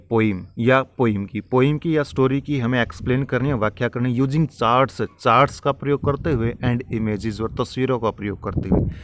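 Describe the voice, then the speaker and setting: A male school teacher with an Indian English accent, giving a recorded lecture. He reads English lines slowly, explains them in Hindi, and spells words out letter by letter. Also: medium pitch.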